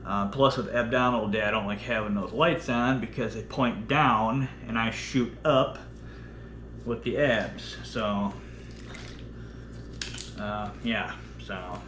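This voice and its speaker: A man with a fairly low voice rambles through a casual workout vlog. He speaks with a lisp and whistling s, blunt and full of swearing. There is faint room noise behind him. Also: slow pace, fairly bright tone. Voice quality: lisp with whistling s, from missing top teeth. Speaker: workout vlogger. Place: indoor home workout space with running fridge.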